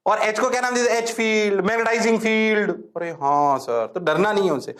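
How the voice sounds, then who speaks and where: A man lectures on physics to a class, his voice pitched a little high. He moves between Hindi and English, keeps checking whether his students understand, and hurries them along to note things down. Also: fairly even intonation, fairly bright tone. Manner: asks students frequent check questions, urges them to write fast. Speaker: physics teacher.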